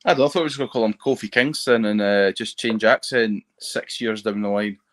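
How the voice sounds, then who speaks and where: A man's voice: on the low side, fairly even intonation, quick pace. A man co-hosting a casual chat, hesitant and often trailing off mid-thought. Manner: hesitant, trails off while thinking. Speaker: co-host. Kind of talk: casual chat, live reactions. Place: at home watching TV.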